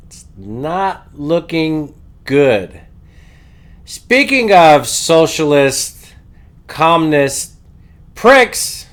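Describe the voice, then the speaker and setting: A man delivers opinionated news commentary as the host of his show. His voice is clean and smooth though congested with a head cold, and he takes his time, halting on long uhs. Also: fairly high pitch.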